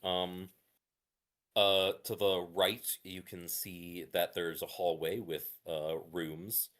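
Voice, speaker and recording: A man narrating as game master for a tabletop game, halting with many fillers. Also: low-pitched, flat delivery, a bit bright.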